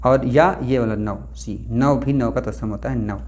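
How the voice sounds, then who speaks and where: A man's voice: medium pitch, moderate pace, a little mellow. A young man teaching a Hindi exam-prep lesson in a casual, explanatory way, repeating words and putting questions to his students. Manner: repeats words and asks the class questions, slipping in "theek hai".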